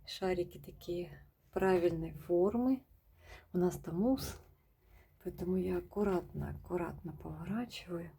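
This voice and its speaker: A woman showing her houseplants in a casual vlog at home, speaking softly and often dropping to a whisper as she talks to her viewers. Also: fairly low pitch, a little slow, creaky, slight background noise. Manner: soft-spoken, often drops to a whisper, addresses viewers as girls. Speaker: plant vlogger. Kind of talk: casual plant-collection vlog. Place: home among houseplants, indoors.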